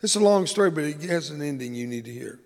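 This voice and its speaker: A man's voice: fairly high pitch, expressive, quick pace, in a large hall. A man preaching a sermon, telling a humorous personal story in a conversational way with dramatic swings in delivery. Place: church.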